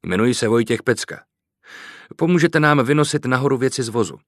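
A man's voice: medium pitch, animated, no room sound, clean studio sound, lightly acted. A man voicing a plain-spoken mustached guard captain in an audiobook, matter-of-fact.

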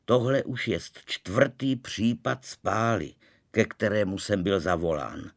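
A man doing a loud brisk country doctor. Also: on the low side. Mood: bossy.

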